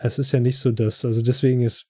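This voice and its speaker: A man's voice: mid-range voice, flat delivery, fast talker, warm tone, dry recording, clean studio sound. A man co-hosting a podcast, talking in a casual, thoughtful way that often restarts phrases and uses many fillers. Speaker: podcast co-host. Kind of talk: casual chat recapping a TV series.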